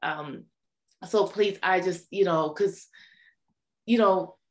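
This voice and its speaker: Low-voiced woman host, halting. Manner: halting, many fillers. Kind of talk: casual interview.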